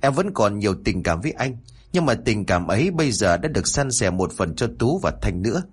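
Sad young ghost girl, a guy reading her lines, mournful and pleading, lowish husky voice. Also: big pitch swings, a little fast. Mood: tender. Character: grieving young woman ghost, vengeful turned tender.

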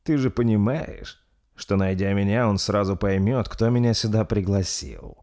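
A man voicing an ancient vampire master, speaking slowly with cold menace. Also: fairly low pitch, expressive, warm tone. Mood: cold commanding. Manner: slow, measured, menacing.

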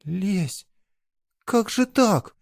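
A tearful young peasant girl from a spoken folk tale, as a male narrator puts her on. She pleads in a strained, high voice, breathless with fear. The recording is dry and close. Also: lively intonation, very slow, creaky, no echo, heavily acted. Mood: desperate pleading.

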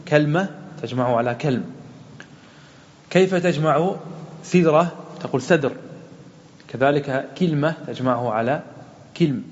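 A man teaching a classical Arabic grammar lesson as a sheikh, explaining slowly, repeating word forms and asking and answering his own questions. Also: mid-range voice, a little mellow. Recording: muffled lo-fi audio with long reverb in a hall, faint hum.

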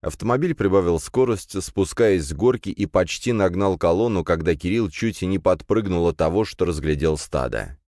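A man reading an audiobook with steady storytelling narration. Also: deep voice, moderate pace, hardly any pauses, no echo, studio quality.

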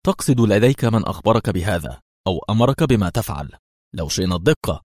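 A man's voice: lowish voice, very animated, fast, a little mellow, dry recording, clean studio sound. A man voicing a defiant, fierce young female agent who speaks scornfully.

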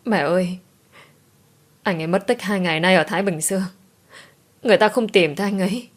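A woman's voice: on the low side, fairly quick, natural voice. A woman reading an audiobook romance voices a grieving young woman who talks in a pleading, tearful way. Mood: distraught.

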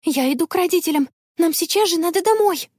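A woman's voice: animated, fast, a little mellow, dry recording, clean studio sound. A woman voicing a frightened young girl who whines and panics in a storybook. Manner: whining, panicky, high-pitched.

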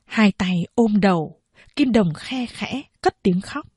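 A woman narrating a story in a steady, even storytelling voice. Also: mid-range voice, takes it slowly, husky, no room sound, studio quality.

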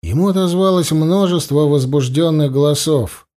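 A man reading a story aloud in even, measured narration. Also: fairly high pitch. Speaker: audiobook narrator. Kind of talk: scripted narration.

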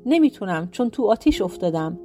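A woman's voice: mid-range voice, very animated, dark tone, faint music behind, close to an everyday voice. A woman voicing a magic strand of hair that answers plainly and helplessly.

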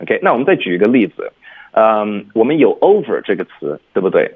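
Man, English teacher, low voice, husky, patient step-by-step explaining, tinny phone-line sound. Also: sing-song, fairly quick. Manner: patient, step-by-step, with frequent "OK?" check-ins. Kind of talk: explaining on a radio lesson.

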